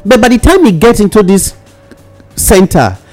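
A man's voice: high-pitched, sing-song, normal speed, a little mellow, faint music behind. A Nigerian man giving casual, emphatic radio commentary in English mixed with Nigerian Pidgin, often repeating himself as he goes. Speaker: radio talk show panellist.

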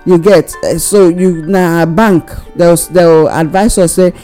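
A woman's voice: on the low side, fairly even intonation, unhurried, warm tone. Nigerian Pidgin-speaking woman, music behind. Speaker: panelist on a news discussion show. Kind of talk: casual news discussion.

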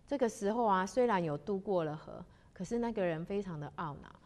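A woman's voice: mid-range voice, animated, a little mellow. A woman tells a spiritual moral story to fellow practitioners. She speaks unhurriedly and draws out the particles at the ends of her phrases. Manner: unhurried, sentence-final particles drawn out. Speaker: religious storyteller.

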